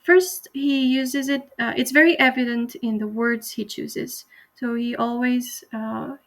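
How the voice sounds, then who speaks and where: A woman's voice: a little high, fairly even intonation, fairly bright tone. Earnest young woman giving a class talk. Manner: earnest and explanatory, many pauses and restarts. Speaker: university student presenter. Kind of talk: class presentation on a poem.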